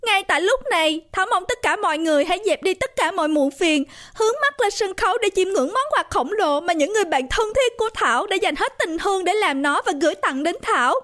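A woman's voice: extremely high pitch, expressive, fast, hardly any pauses, a bit bright, voice pushed up. A woman doing a tearful young party hostess. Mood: pleading. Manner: tearful, pleading. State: crying.

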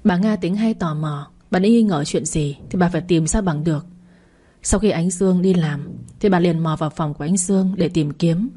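A woman narrating a scripted family drama story in a steady, measured way. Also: on the low side.

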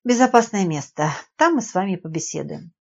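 A woman voicing a calm, ironic middle-aged male spy chief who speaks in an unruffled, dryly persuasive way, in an audiobook. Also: mid-range voice, brisk, gravelly. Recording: dull lo-fi audiobook recording.

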